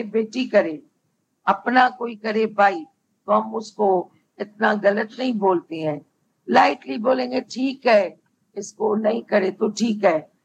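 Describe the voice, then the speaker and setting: A woman gives a devotional discourse in an unhurried, measured way, circling back to repeat her key phrases. Her voice has a gravelly, crackly edge. The recording is dull and lo-fi, with a faint hum underneath. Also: medium pitch. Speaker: spiritual teacher.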